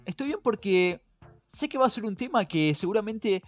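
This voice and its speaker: A young man with a Rioplatense Spanish accent co-hosts a conversational podcast, speaking emphatically and firing rhetorical questions straight at the listener. His voice sits high and is animated at a normal speed, with music playing behind him.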